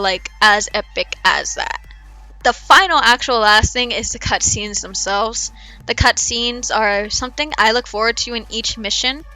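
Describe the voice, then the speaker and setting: Bright, breathless woman podcaster. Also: medium pitch. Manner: rambling, enthusiastic, lots of "like" and "um". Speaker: podcast host. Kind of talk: casual solo podcast talk about a video game.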